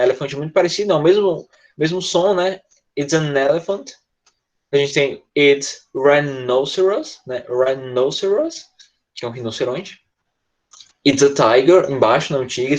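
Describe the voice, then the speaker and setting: A man's voice: mid-range voice, moderate pace. A man with a Brazilian Portuguese accent teaching English in an online class, patient and repetitive, often checking with his students.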